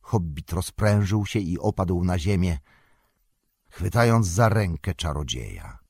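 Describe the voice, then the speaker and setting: Slow low-voiced male narrator. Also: breathy edge, no echo, studio quality. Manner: measured, even storytelling. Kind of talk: audiobook narration.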